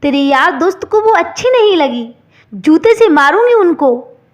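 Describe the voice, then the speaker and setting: A woman's voice: extremely high pitch, expressive, measured pace. A woman voicing a stern older mother-in-law who scolds sharply in a storybook tale. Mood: furious.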